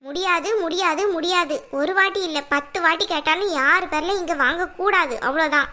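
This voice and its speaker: Cartoon part: bossy mother-in-law, scolding and commanding, bright and high, a woman voices her. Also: normal speed. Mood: stern. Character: stern older mother-in-law, domineering. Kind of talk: cartoon voice acting.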